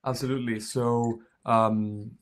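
A man's voice: medium pitch, little pitch movement, unhurried. A young man from Chile, speaking as a guest on a video-call panel, talking loosely and hedging with many fillers. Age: young adult. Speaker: panel guest, venture investor. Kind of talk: casual panel talk. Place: home room, indoors. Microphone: video call webcam.

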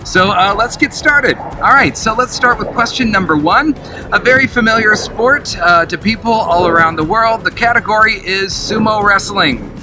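A man's voice: high-pitched, moderate pace, music in the background, poor audio. An upbeat middle-aged man, a cruise director, casually hosting a quiz to camera outdoors. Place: outdoors in an open park.

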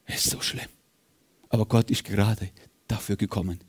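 A man preaching a sermon as pastor of a church, fervent, swinging from loud rises to hushed drops. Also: on the low side, steady tone, normal speed, husky. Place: church service.

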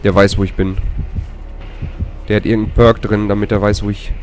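A man's voice: on the low side, little pitch movement, brisk. A man commentating his own horror game run, swearing often, switching from nervous muttering to panicky outbursts. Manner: swears a lot, panicky outbursts and whispered hisses. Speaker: let's play gamer. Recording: gameplay with loud music.

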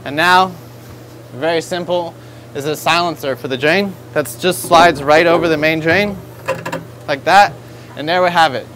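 A man's voice: on the high side, moderate pace, pauses often, fairly bright tone, slight background noise. American male host, thirties, store tutorial, instructive and upbeat, lapel mic in a showroom. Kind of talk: product demonstration tutorial.

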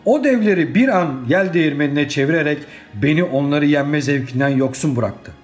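A man voicing an old, deluded would-be knight in a storybook reading, bombastic and given to shouting battle cries. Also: on the high side, lively intonation, normal speed, soft background music, close to an everyday voice. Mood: stubborn. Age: older.

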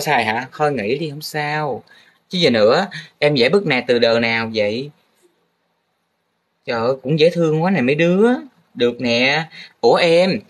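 A young man playing a comic art teacher grading students' drawings, teasing and full of exaggerated exclamations. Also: medium pitch. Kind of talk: comedic teacher role-play monologue.

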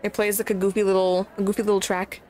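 A woman chatting through a dating game in casual let's-play commentary, excitable and crude, with playful swearing. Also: medium pitch, quick pace, heavy background noise. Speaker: streamer playing a dating game. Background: game music.

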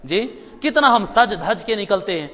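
A man preaching a Friday sermon in a mosque, emphatic, building to loud rhetorical peaks before dropping low. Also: lively intonation. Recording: long hall reverb.

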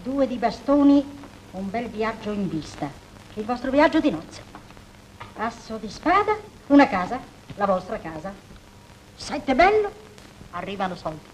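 A woman's voice: a little high, very animated, unhurried, long pauses, slight background noise, rough recording. An actress playing a fussy, doting mother in a 1940s film, who soothes and fusses. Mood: fortune-telling.

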